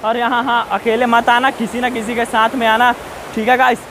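The speaker, a male travel vlogger, has a strikingly high, slightly bright voice with little pitch movement. He wanders a rocky hillside chatting directly to viewers and repeating safety warnings, and the low-quality recording picks up a faint hiss of falling water.

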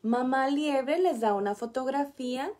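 Slow, soft-toned woman teacher reading aloud. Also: high-pitched. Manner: gentle, explains slowly to small children; often breaks off to point at pictures. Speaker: preschool teacher. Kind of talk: reading a picture book aloud to children.

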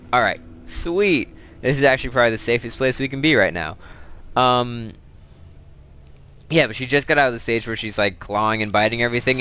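A man's voice: medium pitch, pushed and bright, a little hiss or hum. A man hosting a let's play, chatting casually and thinking aloud as he plays, drifting into side stories. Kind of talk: casual gameplay commentary.

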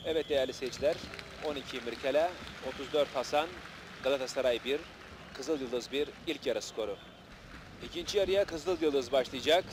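Man, live match commentary, slightly high voice, clipped phrases, clearly noisy outdoor recording. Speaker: football commentator. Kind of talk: live television football commentary, short clipped play-by-play. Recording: noisy old match broadcast, outdoor stadium.

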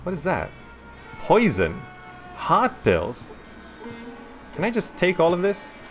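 A man's voice: high voice, wildly swooping pitch, takes it slowly, soft background music. A man with a Malaysian accent giving let's play commentary, chatty, laughing often and reading game text aloud. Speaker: gaming channel host.

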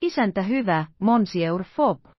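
A woman voicing a loyal, anxious young French manservant in an audiobook, speaking slowly and earnestly. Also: medium pitch, lively intonation, breathy edge, dry recording, dull audio. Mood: remorseful. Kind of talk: audiobook character voice.

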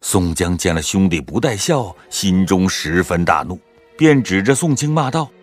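A man narrating a classic story in a measured, expressive way. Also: sits low, faint music behind.

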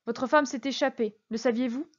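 A cunning old cardinal, icy and in full command, read by a woman, speaks slowly, low and soft, with quiet menace in every word. The recording sounds muffled and lo-fi. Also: fairly even intonation. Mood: stern.

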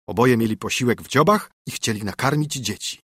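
Husky, expressive male storyteller. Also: mid-range voice, a little fast, no room sound, clean studio sound. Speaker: audiobook narrator. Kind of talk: scripted fairy-tale narration.

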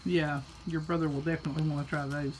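A middle-aged woman with a lowish voice talks casually and with humor. The home recording carries a clear hiss of background noise. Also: level tone, fast. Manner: playful, chatty and joking. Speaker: mother tasting snacks. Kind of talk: casual chat.

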